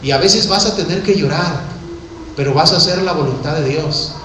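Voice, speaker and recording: A man preaching a sermon, passionately swinging between hushed tones and shouts. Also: on the high side, normal speed, noisy background. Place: church sanctuary. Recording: echoey church hall.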